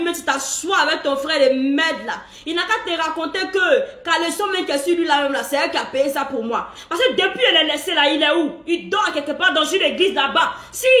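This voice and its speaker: Woman, fiery preaching rant, high voice, roomy echo. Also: fairly bright tone. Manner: indignant, preaching, warns and mocks with laughs. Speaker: self-styled spiritual figure. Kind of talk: angry monologue to followers. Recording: echoey room.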